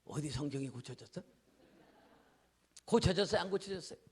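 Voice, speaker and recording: Male pastor, evening revival sermon, gravelly husky voice, dramatic storytelling. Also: fairly high pitch, expressive, normal speed. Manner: dramatic, acts out characters, shouts and drops to whispers. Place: church hall.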